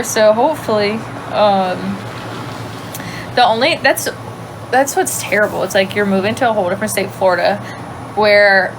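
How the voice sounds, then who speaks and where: A young Louisiana woman with a light Cajun accent hosts a casual livestream, answering viewer questions, thinking out loud and drifting into quiet asides. Her voice is medium in pitch, she's recorded on a phone, and background noise is audible.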